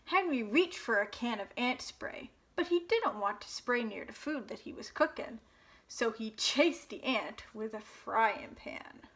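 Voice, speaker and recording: Reading a picture book to young listeners, this storytime host uses a high, bright voice and lively intonation. She tells the story expressively, taking her time and pausing for dramatic effect.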